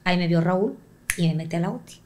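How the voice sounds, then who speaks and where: A middle-aged woman with a Mexican accent, a guest telling stories from her life in a relaxed interview, animated and quick to act out other people's voices. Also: lowish voice, slight background noise. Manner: animated, acts out quoted voices. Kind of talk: storytelling in a conversational interview.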